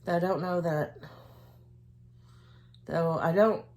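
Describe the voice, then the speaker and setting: A woman's voice: lowish voice, fairly even intonation, takes it slowly, a little mellow. A woman chatting casually to camera as a vlogger, in a hesitant, rambling way that trails off.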